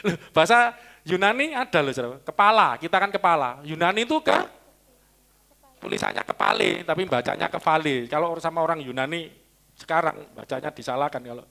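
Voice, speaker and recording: A man's voice: on the high side, animated, brisk, bright, forceful tone. A man preaching a Sunday sermon, teaching and explaining original-language words with chatty asides. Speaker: pastor.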